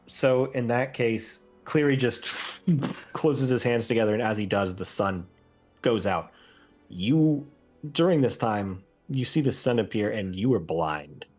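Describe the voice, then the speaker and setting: A man narrating a tabletop game as game master, relaxed and thinking aloud as he goes. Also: mid-range voice, measured pace, soft background music. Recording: muffled, lo-fi recording.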